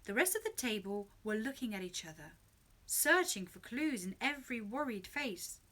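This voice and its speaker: A woman reading a children's story aloud with expressive, animated storytelling. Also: on the high side, moderate pace.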